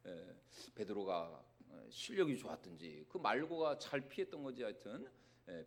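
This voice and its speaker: A man's voice: medium pitch, creaky, slightly rough. A male senior pastor preaching a sermon in a church sanctuary, quizzing the congregation as he goes. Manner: lively, asks the congregation questions.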